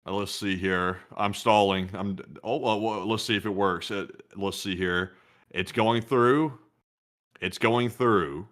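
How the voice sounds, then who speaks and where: A man's voice: on the low side, fairly even intonation, a little slow, fairly bright tone. A man co-hosting a live stream, chatting casually in a jokey, rambling way. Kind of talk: casual livestream chat.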